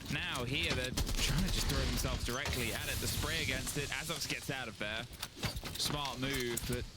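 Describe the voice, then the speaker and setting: A man's voice: medium pitch, normal speed, loud music behind the voice. A man commentating a tactical shooter match as an esports caster, calling the action as it happens. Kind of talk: play-by-play commentary. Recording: broadcast commentary under loud gunfire. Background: gunfire from the game.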